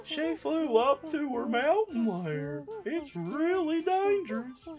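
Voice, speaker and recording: Bookish mole guy for a game let's play, slow and lilting, a woman puts him on. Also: sits high, very animated, voice pushed up, full character voice. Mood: instructive. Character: short-sighted know-it-all male mole.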